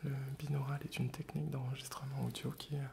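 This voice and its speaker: A man hosting ASMR in a gentle, hesitant whisper, very close in the ear on binaural microphones. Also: mid-range voice, level tone, fast, creaky, slight background noise. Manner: gentle, soft-spoken. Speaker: ASMR video host. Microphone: close binaural stereo microphones.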